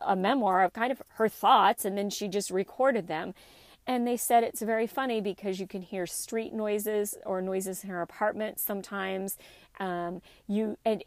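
A middle-aged woman hosts her podcast in a loose, rambling way, restarting sentences as she goes. Her voice has a gravelly, creaky texture. It is recorded close and dry, with no room sound around it. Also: mid-range voice, no room sound. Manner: chatty, rambling, with frequent restarts and fillers. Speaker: podcast host; teacher. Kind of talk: casual solo podcast talk.

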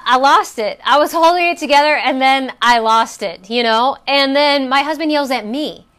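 A woman's voice: high voice, pushed and bright. A woman hosting a personal coaching talk, telling a story in a chatty way with fillers and restarts. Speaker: host.

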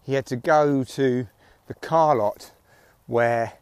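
A man's voice: mid-range voice, slow, darkish tone, smooth, no room sound. British man rambling into a headphone mic. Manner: sweary, wry. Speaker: podcast host and comedian. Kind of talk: casual solo chat, rambling audio diary. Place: outdoors, walking in the evening. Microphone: headphone mic near the neck. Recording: headphones used as mic, close at neck.

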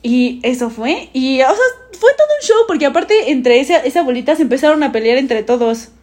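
A young woman, telling a school story in animated casual chat, often laughing and mimicking voices. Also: high-pitched, brisk.

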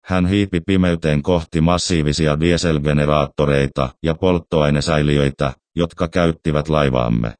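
Very deep-voiced man reading horror. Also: fairly even intonation, few pauses, darkish tone, no room sound. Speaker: narrator. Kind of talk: scripted horror story narration.

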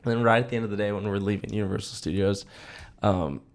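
A fast-talking young man with a lowish voice co-hosts a podcast, telling stories in casual slang. He animates each tale by acting out the quotes.

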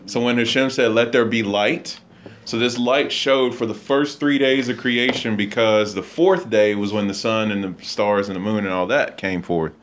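A man's voice: lowish voice, steady tone, moderate pace, fairly bright tone, a little hiss or hum. A man hosting a livestream, explaining religious texts in a casual teaching style. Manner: explanatory, reads and comments on texts. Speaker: host. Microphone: internet call/stream. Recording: lo-fi online stream audio.

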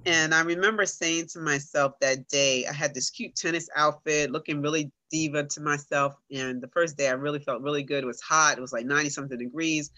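A woman guest on a podcast telling a personal story with animated, dramatic delivery. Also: deep voice, brisk, hardly any pauses, dry recording. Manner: animated, dramatic voices for herself in quotes.

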